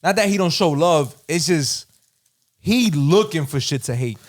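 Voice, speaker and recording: A man with a New York accent, co-hosting a casual hip hop podcast and telling profane, animated stories. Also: a little high, unhurried. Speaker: podcast co-host. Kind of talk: casual chat.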